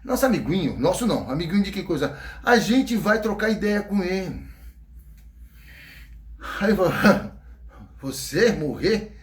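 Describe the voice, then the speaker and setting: A man with a Brazilian Portuguese accent preaches an informal sermon in a folksy, joking way, acting out scenes. His high voice is sing-song and unhurried with frequent pauses, and the room is echoey.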